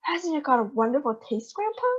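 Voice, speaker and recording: A woman voicing an eager, excited young boy in a storybook reading. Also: sits high, fairly quick, pitched above the performer's own voice. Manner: eager, wide-eyed. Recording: dull lo-fi recording.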